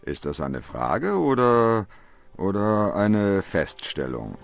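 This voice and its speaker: A man's voice: fairly low pitch, sing-song, slow pace, vocal fry, dry recording, faint music behind, exaggerated voice. An actor playing a smug, pompous male museum guard in a video game, curt and condescending.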